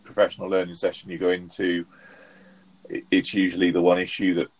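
A man co-hosting a show, speaking in a measured, thoughtful casual chat. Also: sits low, monotone, a little mellow, poor audio. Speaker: podcast co-host.

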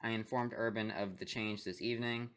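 Brief: young guy, lowish voice, casual sports chat, laughs a lot. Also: steady tone, a little fast, a bit bright, clean tone. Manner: laughs often, reads statements aloud with asides. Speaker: podcast co-host.

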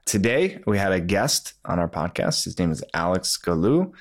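A man's voice: low-pitched, sing-song, moderate pace. A man hosting a podcast, introducing the episode and his guest in an upbeat, promotional way. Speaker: podcast host.

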